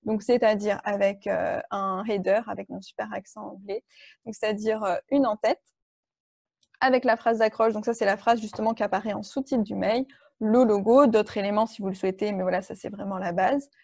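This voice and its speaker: A woman presenting an online training session, walking her audience through each point with a patient, explanatory manner. Her voice is warm and mellow, of middle pitch, and the recording is dry and close with no room echo. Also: fairly even intonation, brisk, creaky. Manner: explanatory, many fillers and restarts. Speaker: workshop trainer.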